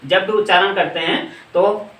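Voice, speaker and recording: A man teaching a grammar lesson, asking questions and answering them himself, and reciting letters slowly one by one. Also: high voice, fairly even intonation, fairly bright tone, far from the mic. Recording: echoey room, voice off-mic.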